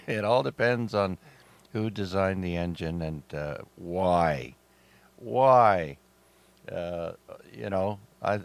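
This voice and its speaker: A middle-aged man from Canada hosts an amateur radio net with a low, unhurried voice. He talks casually, with plenty of fillers. His throat sounds a little sore. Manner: relaxed, chatty, many fillers. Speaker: net control host.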